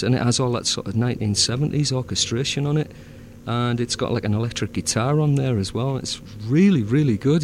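A man with a Northern English accent in relaxed conversation, circling his point with fillers and restarts. His pitch sits in an ordinary middle range. A faint hiss runs underneath. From north of England. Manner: rambling, many fillers and restarts, easy laughter. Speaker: fan audio drama producer. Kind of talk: casual chat.

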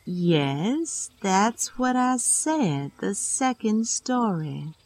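A woman playing a bright, polite young American lady in a period audio drama, speaking directly. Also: medium pitch, sing-song, drawn-out words, no room sound, full character voice. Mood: polite, exasperated.

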